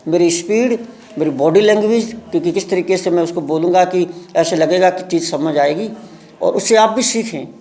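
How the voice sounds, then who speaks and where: A male English teacher giving a live class lesson, reading English lines slowly word by word and explaining pronunciation. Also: sits high, mellow. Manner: reads English aloud very slowly, word by word, then explains in Hindi.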